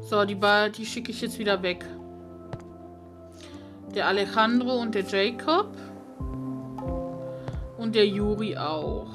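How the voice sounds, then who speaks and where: A woman with a mid-range voice plays through a video game, reading its text aloud and muttering to herself in casual let's play commentary. She speaks slowly with long pauses, and game music plays in the background.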